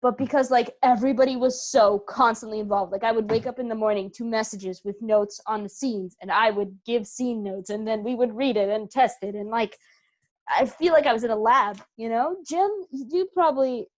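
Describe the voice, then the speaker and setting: A young woman, a theatre company co-founder, answers interview questions conversationally in an effusive, emphatic way. Her voice is on the high side and her pace is moderate.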